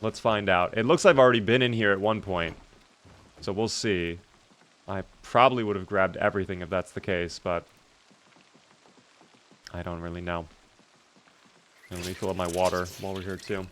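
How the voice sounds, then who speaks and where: Speaking in a low, fairly bright voice at normal speed, he keeps his intonation fairly even and leaves long pauses. He plays a game live, chatting casually and responding to viewers, his voice recently strained.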